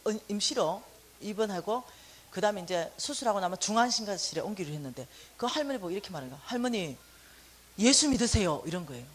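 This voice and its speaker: A woman minister giving a testimony sermon, telling her story with animated storytelling and acting out the dialogue. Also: fairly low pitch, a little hiss or hum.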